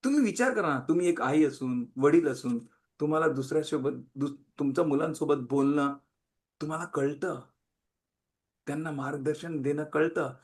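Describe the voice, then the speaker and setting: A man preaching a sermon, emphatic, swinging between loud and quiet and repeating phrases in long lists. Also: a little high, normal speed.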